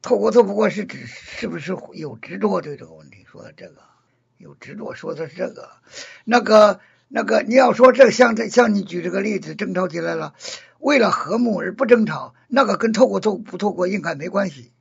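A man's voice: sits high, expressive, brisk, gravelly, slightly rough, muffled recording. A man leading a casual Buddhist discussion, earnest and explaining, who often repeats and rephrases his points.

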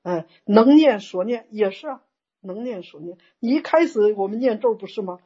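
A woman teaching a Buddhist Dharma talk in an animated, exclamatory way, acting out inner thoughts. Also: mid-range voice, moderate pace, breathy edge, dull audio.

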